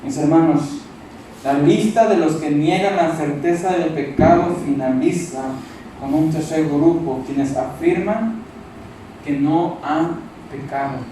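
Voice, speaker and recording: Man preaching with a loud Monterrey accent. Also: a little high, takes it slowly, heavy reverb, distant mic, slight background noise, rough recording. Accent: northern Mexican (Monterrey). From Monterrey, Mexico. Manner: loud, forceful delivery. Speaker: pastor. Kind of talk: sermon. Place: church hall.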